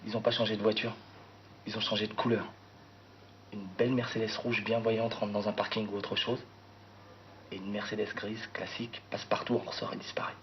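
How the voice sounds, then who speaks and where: An actor playing a cocky, teasing driver in film dialogue. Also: male voice, fairly low pitch, flat delivery, normal speed, lightly acted. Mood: confident. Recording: dull film soundtrack with noise.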